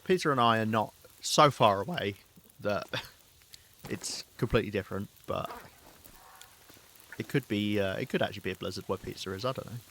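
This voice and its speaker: A man's voice: lowish voice, normal speed, pauses often, a bit bright, a little hiss or hum. A man with a Southern English accent chatting casually with his chat while streaming a game, talking freely and laughing often. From England.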